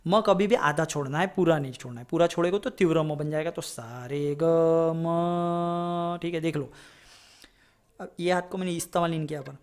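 A man's voice: a little high, moderate pace. A man teaching a casual flute lesson, chatty and rambling, often checking in with his students. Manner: chatty, rambling, digresses into advice; repeats "ठीक है?" to check in. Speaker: music teacher.

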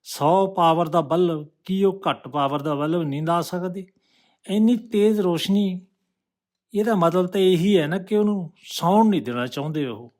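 A man's voice: high voice, moderate pace, darkish tone, pitched above the performer's own voice, lightly acted. A man voicing a troubled young man's anxious thoughts. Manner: questioning, brooding.

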